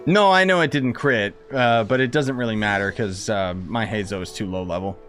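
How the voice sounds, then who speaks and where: A gaming streamer with a lowish, fairly bright voice plays and comments at a moderate pace over game music. He is casual, sarcastic and grumbling, with some mild swearing.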